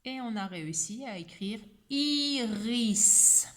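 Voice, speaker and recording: A woman teacher giving a slow, patient word dictation to a young child, sounding out each letter. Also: medium pitch, lively intonation.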